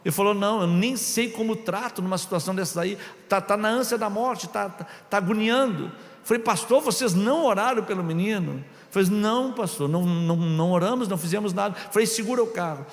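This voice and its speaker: A Brazilian pastor telling a story in a sermon, dramatic, swinging from shouts to hushed tones. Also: male voice, high voice, fast talker. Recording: long reverb of a large hall.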